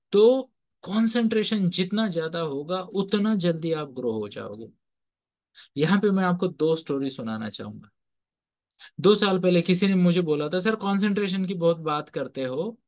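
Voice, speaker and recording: A man with a slightly high voice gives a motivational storytelling lecture, narrating like a teacher and counsellor. He keeps pausing to quiz listeners with repeated questions and shifts freely between Hindi and English phrases.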